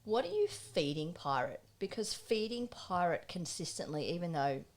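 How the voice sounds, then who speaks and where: A woman's voice: fairly low pitch, animated, moderate pace. A middle-aged woman co-hosting a casual chat show, talking in a rambling way and restarting her sentences often. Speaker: co-host.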